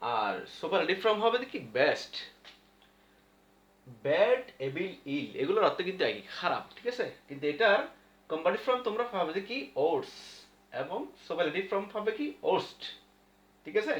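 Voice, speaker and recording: With a Bangladeshi Bengali accent, this man gives a classroom English grammar lesson at a board, patiently going over the rules again and posing questions he then answers himself. His voice is high and fairly bright, with big pitch swings and a fairly quick pace. The recording is echoey, dull, and lo-fi.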